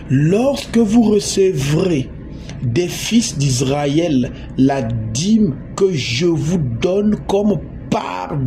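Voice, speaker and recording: Congolese male preacher, emphatic and repetitive, slightly high voice, noisy recording. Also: a little mellow. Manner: emphatic, repeats words, asks the audience. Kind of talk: sermon. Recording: noisy background.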